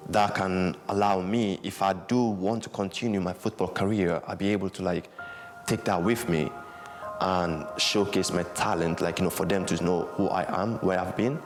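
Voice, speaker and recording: A young man in his twenties from Guinea speaks in a very low voice, loose and conversational, with lots of "like, you know" fillers. Clear music plays underneath him throughout. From Guinea, West Africa. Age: 20s. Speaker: interviewee, former academy footballer. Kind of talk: casual interview talk.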